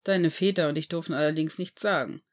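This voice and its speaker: A woman voicing a calm, gentle adult male potions teacher who speaks in a soft, measured way in a fan-fiction audiobook. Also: low-pitched, voice pushed down, natural voice. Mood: kind.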